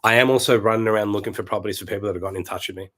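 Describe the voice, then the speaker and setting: A man in his late thirties, going hoarse as he chats casually to camera, rambling and repeating himself. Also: lowish voice, steady tone, very fast, fairly bright tone. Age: late 30s. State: losing his voice. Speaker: property vlogger.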